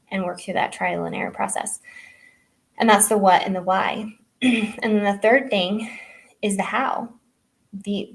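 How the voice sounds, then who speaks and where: A woman's voice: medium pitch, vocal fry. A middle-aged woman health coach giving a casual live online training, talking loosely with many fillers and "right?" tags.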